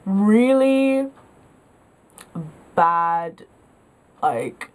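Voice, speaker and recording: A woman's voice: medium pitch, sing-song, extremely slow. A young woman tells stories to camera in a casual vlog. She talks in a chatty, self-mocking way. Her sentences are full of filler words. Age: young adult. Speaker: vlogger.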